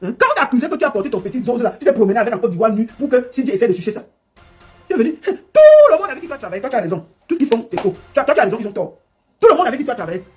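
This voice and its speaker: A woman's voice: a little high, animated, breathy edge, faint music behind. A woman giving a scolding, mocking live commentary. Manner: scolding, mocking, rapid-fire. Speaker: livestream commentator.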